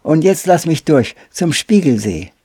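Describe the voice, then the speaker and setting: Man voicing a storybook boy, young, cheeky, loud, pleading, high voice, dry sound. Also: sing-song, measured pace, slightly rough, no room sound, exaggerated voice. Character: cheeky young boy, bold then nervous.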